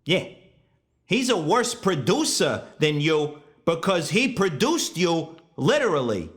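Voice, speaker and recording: A man's voice: on the high side, very animated, slow pace, a bit bright. A man co-hosting a comedic sports podcast, backing up his partner with short teasing jabs. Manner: chiming in with short agreeing jabs. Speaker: podcast co-host.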